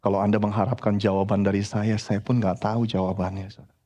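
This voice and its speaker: Man preaching an animated sermon. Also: on the low side, fast talker. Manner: animated preaching, frequently addressing the congregation as "saudara". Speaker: pastor. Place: church.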